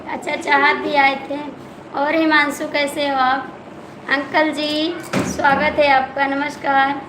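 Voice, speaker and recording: High-voiced woman pleading for calm. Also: takes it slowly. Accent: Awadhi. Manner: pleading, repeatedly calming viewers. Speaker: live stream host. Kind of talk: live stream chat. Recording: echoey room with background noise.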